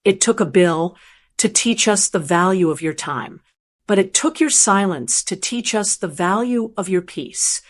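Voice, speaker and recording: A woman's voice: a little high, big pitch swings, unhurried. A woman voicing a middle-aged man, an earnest and apologetic grown son, in a storybook narration.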